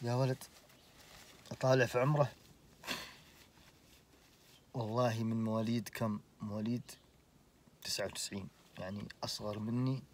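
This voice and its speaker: A young Saudi man in his late twenties recounts a story in casual talk. He speaks with lively energy and keeps swearing oaths to stress his point. His voice sits at an ordinary male pitch. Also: normal speed, pauses often, slight background noise. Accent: Saudi Arabic. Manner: animated, swears oaths, laughs through the story.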